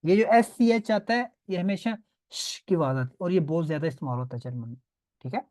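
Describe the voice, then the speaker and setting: A man's voice: a little high, expressive, fairly quick, darkish tone. Patient male teacher drilling pronunciation. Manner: patient, drilling, checks in with "okay?" often. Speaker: language teacher. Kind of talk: online class lesson.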